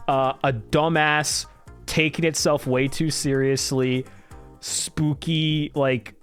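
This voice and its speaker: Male streamer, casual and enthusiastic live commentary, mid-pitched voice, loose swearing, soft music underneath. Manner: enthusiastic, profane, laughs while talking.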